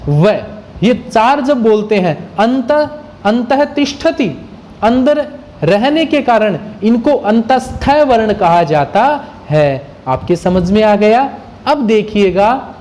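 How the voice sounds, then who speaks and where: Male grammar teacher, unhurried lecture delivery, quizzes the class and then answers himself. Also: sits high, a little mellow, slight background noise. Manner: asks questions and answers them himself; sounds out letters one by one. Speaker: Sanskrit teacher.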